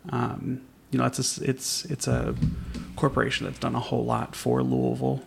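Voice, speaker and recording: A man's voice: medium pitch, completely flat delivery, normal speed, gravelly, soft background music. A young man co-hosting a home podcast, chatting in an easygoing, rambling way with plenty of restarts. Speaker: podcast co-host. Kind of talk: casual chat. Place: home at night.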